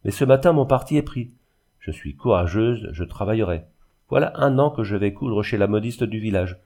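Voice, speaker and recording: A man's voice: lowish voice, animated, moderate pace, a little mellow. A man reading aloud and voicing a proud, unhappy young orphan girl who pleads earnestly. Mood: resolute.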